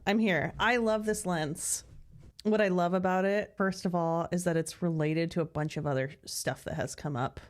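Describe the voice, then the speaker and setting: A woman co-hosts a podcast at a normal pace, her fairly low voice keeping a fairly even intonation. She chats casually and thoughtfully, dropping "like" again and again.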